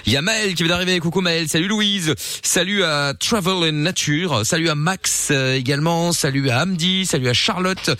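A man hosting a call-in talk show, greeting listeners and questioning a caller in a joking, lively way. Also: a little high, moderate pace, dry recording. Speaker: radio talk show host.

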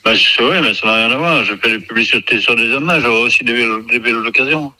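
A middle-aged shopkeeper with a Verviers accent answers in short, curt replies. His voice is very bright and sharp, and he talks quickly. He sounds dry and dismissive. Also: mid-range voice, poor audio. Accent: Verviers French. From Verviers, Belgium. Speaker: shopkeeper on a phone call.

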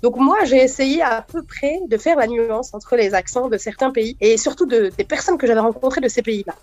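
A woman from France, a comedian, chatting lively in a radio interview. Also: a little high, brisk, muffled recording.

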